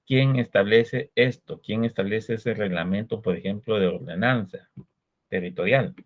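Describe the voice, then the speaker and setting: A law lecture is given by a Guatemalan man speaking with a Guatemalan Spanish accent, who explains at a measured pace and poses rhetorical questions to his students. His voice sits on the low side, and the recording quality is dull and lo-fi.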